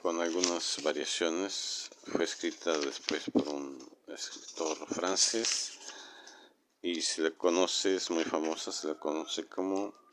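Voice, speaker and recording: A man from Mexico City with a Mexican accent, reading a horror legend aloud in a measured, dramatic way. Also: deep voice, fairly even intonation, background noise. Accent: Mexican Spanish. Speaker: storyteller.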